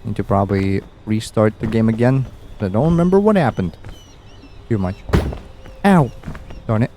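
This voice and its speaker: A man's voice: on the low side, very animated, fairly quick, over music. A young man streaming a game, rambling and musing aloud with easy chuckles as he plays. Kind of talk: casual gameplay commentary.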